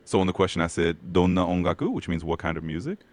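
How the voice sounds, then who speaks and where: A man's voice: sits low, fast, no room sound. A man tutoring Japanese, asking practice questions and explaining with encouraging feedback.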